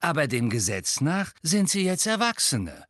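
A man's voice: fairly high pitch, very animated, normal speed, fairly bright tone, no room sound, studio quality, voice pushed up. A man voicing a tired, patient middle-aged father who speaks wearily, in an audiobook. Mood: weary. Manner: weary, patient. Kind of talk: audiobook character voice.

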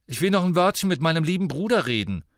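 A man voicing a fiery, furious teenage witch girl who shouts cutting taunts at her brother in an audiobook reading. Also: on the high side, sing-song, quick pace, dry recording, clean studio sound, voice pushed up. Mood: indignant.

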